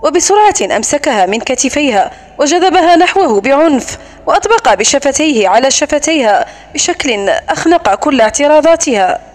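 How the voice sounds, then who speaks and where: A woman narrating a romance novel audiobook with expressive storytelling. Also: sits high, moderate pace.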